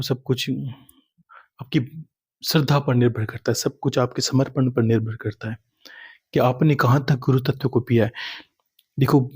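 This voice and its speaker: A man, a spiritual teacher, giving a calm spiritual discourse that tells stories and answers followers' questions. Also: medium pitch, breathy edge, no room sound, studio quality.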